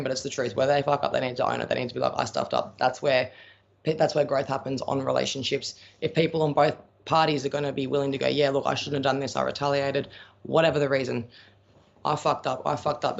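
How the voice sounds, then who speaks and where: With a gravelly, mid-range voice, an Australian man runs psychic readings on a live stream, giving blunt, chatty answers to viewer questions and calling them pet names. He's a psychic medium, and the stream audio sounds dull and lo-fi.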